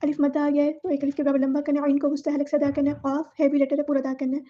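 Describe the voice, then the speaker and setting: A woman gives a step-by-step recitation lesson, explaining each sound and then reciting it slowly. Her voice sits high and stays fairly level, with a soft, mellow tone. The recording sounds somewhat dull and lo-fi. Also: monotone. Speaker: Quran recitation teacher. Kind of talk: word-by-word tajweed lesson.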